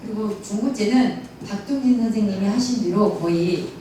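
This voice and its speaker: A woman's voice: medium pitch, moderate pace. Folksy female lecturer, recorded far off in an echoey room with faint noise. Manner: chatty, folksy, mimics dialect phrases. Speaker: pansori lecturer. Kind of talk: casual lecture with audience questions. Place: lecture room at a cultural center. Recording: echoey hall, distant mic.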